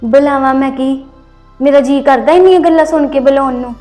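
Actress as a high-voiced, resentful young wife; web drama, faint music under. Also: female voice, a little fast, mellow, lightly acted. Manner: resentful, complaining. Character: fed-up young wife resenting her in-laws.

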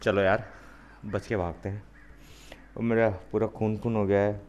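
A man giving jokey, excitable commentary on a virtual reality game. He taunts the zombies and then apologizes to them. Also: lowish voice, a little slow, lo-fi sound, a little hiss or hum. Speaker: gamer. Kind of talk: casual VR gameplay commentary.

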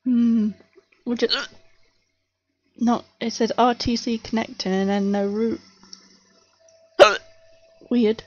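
A woman's voice: fairly high pitch, steady tone, takes it slowly, long pauses, mellow, lo-fi sound. A woman from the UK chatting casually while streaming a game, hiccuping as she plays. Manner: chatty, talking to a teammate while playing. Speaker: gaming streamer. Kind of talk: casual gameplay commentary.

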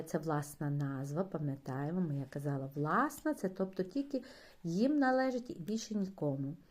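Woman, primary teacher, phonics lesson, slow and patient, fond of her pupils, fairly low voice. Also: darkish tone. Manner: slow, patient, drawn-out syllables and sounds; affectionate, addresses pupils as "my dear ones". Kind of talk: phonics lesson for young children.

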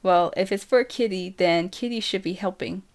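A woman's voice: mid-range voice, normal speed, lightly acted. A woman voicing an easygoing, teasing teenage boy in an audiobook reading, with a laid-back, plain delivery.

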